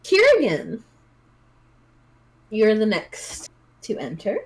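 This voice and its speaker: A woman narrating as game master of a tabletop role-play session, encouraging and quick to laugh. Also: mid-range voice, breathy edge. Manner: lively and encouraging, laughs often.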